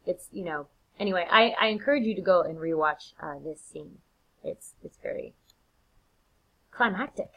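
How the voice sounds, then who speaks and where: A woman's voice: fairly low pitch, fairly bright tone, low-quality recording. Chatty woman teaching a lecture. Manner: casual, chatty, with many fillers. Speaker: literature teacher. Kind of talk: recorded lecture.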